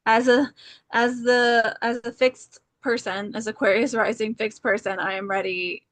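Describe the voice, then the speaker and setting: A bubbly woman co-hosts an astrology podcast and keeps the talk loose and chatty. Her voice sits fairly high, and the sound is dry and close with no room around it. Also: steady tone, measured pace, a bit bright, no echo. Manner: bubbly, chatty, filler-heavy with frequent "like" and "okay". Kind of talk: casual chat.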